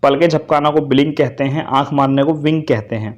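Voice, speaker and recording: A man's voice: fairly high pitch, brisk, a little mellow, highs cut off. A man teaching English vocabulary to students, speaking to them directly and asking them to repeat each answer. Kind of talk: vocabulary lesson.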